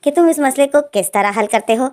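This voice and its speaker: A woman's voice: sits high, animated, a little fast, darkish tone. A woman voicing a playful, mischievous young man who teases and sweet-talks in a read-aloud story. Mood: teasing.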